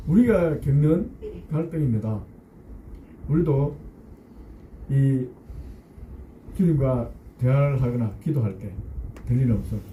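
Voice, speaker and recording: A male pastor preaching a sermon and telling its story with animated, acted asides. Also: mid-range voice, echoey room, far from the mic, a little hiss or hum, low-quality recording. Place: church sanctuary.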